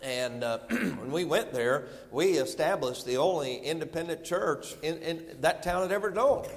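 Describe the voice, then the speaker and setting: A man's voice: on the high side, lively intonation, normal speed. Middle-aged North Carolina man, guest preacher, homespun and rambling, voice ringing in a large hall. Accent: North Carolina Southern. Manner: folksy, rambling, full of "and, uh" fillers. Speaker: visiting preacher. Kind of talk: sermon. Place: church sanctuary.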